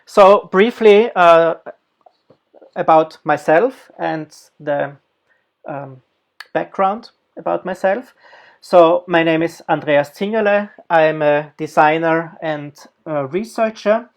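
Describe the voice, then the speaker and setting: A slightly high-voiced Austrian man, who is both a designer and a researcher, is giving a guest lecture at an academic event. He speaks haltingly and leans on many fillers.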